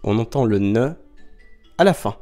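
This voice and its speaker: A man's voice: fairly low pitch, expressive, moderate pace, warm tone, soft background music. A man teaching young children from home, patiently spelling out syllables and counting down with a small child nearby.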